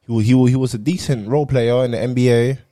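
A man's voice: mid-range voice, steady tone, fast talker, dark tone. A young man with a London roadman accent, chatting casually with friends in street slang. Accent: London roadman, multicultural London street. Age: young adult.

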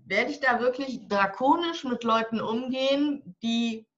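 On slightly dull lo-fi audio, a fairly high-pitched woman talks at a measured pace, her tone a bit bright. As a guest in a casual interview, the divorce coach and author, soon to be 60, is blunt and humorous about how she coaches.

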